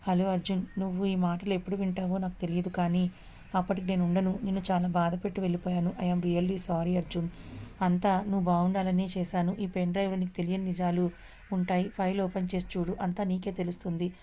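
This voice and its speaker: A woman's voice: on the low side, completely flat delivery, a little fast, mellow, natural voice. A woman reading the part of a young woman leaving a tender farewell message, in a story. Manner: tender, apologetic.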